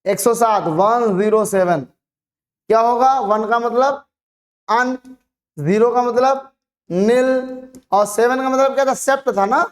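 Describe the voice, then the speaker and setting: A teacher giving an online chemistry lesson to students, asking questions and answering them, repeating each term slowly. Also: medium pitch.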